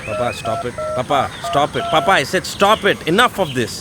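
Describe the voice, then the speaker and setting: A man's voice: sits low, sing-song, extremely slow, noisy background, heavily acted. A man playing a defiant young man who tells his father to back off, speaking English.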